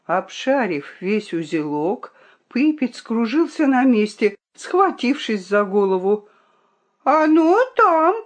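A woman narrating a fairy tale with an expressive, melodic reading. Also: medium pitch, slow pace. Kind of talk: storybook audiobook narration.

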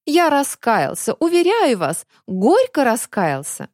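A sneering middle-aged inspector, cold and villainous, mocking and theatrical as he taunts, put on by a woman reading an audiobook. His pitch swings widely, and the recording is dry and close. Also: huge pitch swings, slow, a little mellow, dry recording, exaggerated voice. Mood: bitter.

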